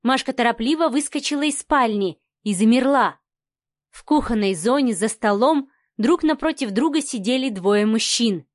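A woman narrating a novel in a steady, expressive reading voice. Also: on the high side, normal speed, dry recording, studio quality. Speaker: audiobook narrator. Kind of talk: scripted narration.

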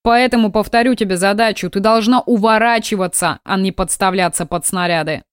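A woman's voice: medium pitch, fairly quick, smooth, no room sound, natural voice. Woman reading a lazy mocking guy mage, drawls, dry close audiobook sound. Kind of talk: audiobook character voice.

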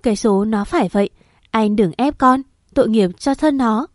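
A woman's voice: on the high side, moderate pace, no echo, clean studio sound, natural voice. A woman doing a tearful, pleading woman. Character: sympathetic woman of the household, tearful.

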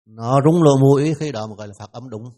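A man with a Vietnamese accent teaching pronunciation in a classroom lesson, repeating each sound slowly for his students. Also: mid-range voice, mellow.

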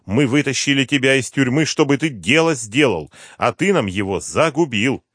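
A man voicing a scheming, mocking older general who smirks, taunts and speaks hoarsely. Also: mid-range voice, lively intonation, moderate pace, fairly bright tone, no echo, clean studio sound, pitched above the performer's own voice.

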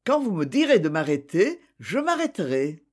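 A reader voicing Francis, a calm, courteous male investigator who questions people gently but insistently. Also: mid-range voice, normal speed.

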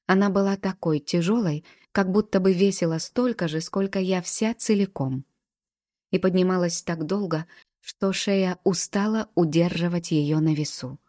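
A woman narrating a first-person fantasy audiobook with expressive storytelling. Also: on the low side, normal speed, no echo, clean studio sound.

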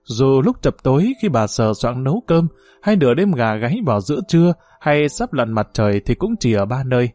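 A man's voice: medium pitch, a little fast, no echo. A man narrating a novel as an audiobook, telling it expressively. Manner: expressive storytelling.

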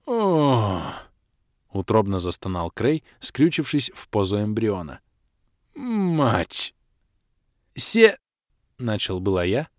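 Low-voiced male audiobook narrator. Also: no echo, clean studio sound. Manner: wry, lively storytelling. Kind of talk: first-person fantasy audiobook narration.

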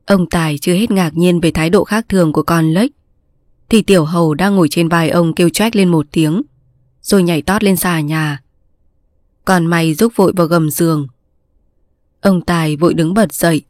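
A woman reads a story aloud in a steady, measured way. Her voice sits low. The sound is dry and close, with no room around it. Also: dry recording. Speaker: narrator. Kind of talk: scripted story narration.

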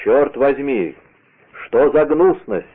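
A man voicing a hot-tempered, bold musketeer captain, shouting his commands. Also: mid-range voice, expressive, takes it slowly, breathy edge, pitched above the performer's own voice. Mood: outraged. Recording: tinny lo-fi radio broadcast.

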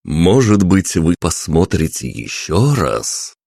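A man doing a calm, polite detective. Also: deep voice, slow pace, vocal fry, no echo, studio quality, full character voice. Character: adult man, cool-headed and smoothly polite detective.

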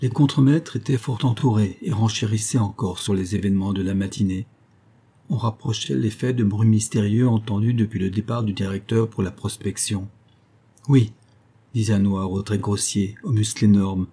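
A man narrating a novel in a steady, measured reading. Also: fairly low pitch, slightly rough. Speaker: audiobook reader.

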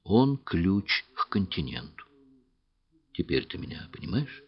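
A man with a deep voice plays a calm young woman who knows more than she says. She speaks quietly, gently and with a touch of sorrow. The audiobook recording sounds a little muffled. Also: a little slow. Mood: sad, quiet. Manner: soft, hushed delivery.

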